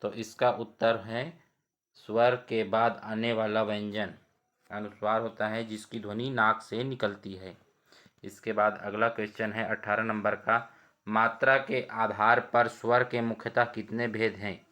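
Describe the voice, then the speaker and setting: A male teacher working through exam questions one by one, reading every option aloud before he explains the answer. He speaks slowly and deliberately. His pitch barely moves and stays even and level. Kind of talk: exam quiz lesson.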